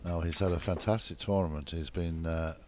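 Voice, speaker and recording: A man giving live snooker commentary in a measured, understated, conversational way. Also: low voice, steady tone, a little mellow.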